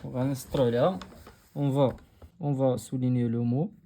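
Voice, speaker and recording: Slow and warm, with a medium pitch and fairly even intonation, a young Moroccan man teaches from a textbook. He goes patiently, repeats himself, and moves back and forth between French and Arabic.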